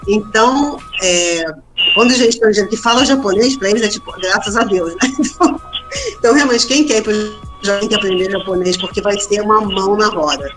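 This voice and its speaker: A woman's voice: mid-range voice, a little fast, music in the background. A woman from Brazil, a podcast guest, chatting casually and telling stories with lots of tag questions. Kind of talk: casual interview chat.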